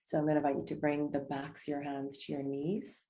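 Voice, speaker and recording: A woman leading a guided breathing meditation, speaking softly and slowly with gentle invitations. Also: sits low, monotone, a little hiss or hum. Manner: soft, slow and soothing, gentle invitations.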